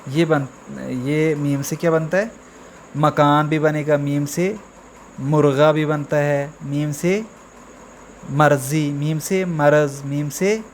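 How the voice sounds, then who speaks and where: Male language teacher, slightly high voice, slow patient drilling delivery. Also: steady tone, slight background noise. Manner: drawn-out, repetitive letter drills with frequent "theek hai". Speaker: Urdu teacher. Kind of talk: slow beginner alphabet lesson.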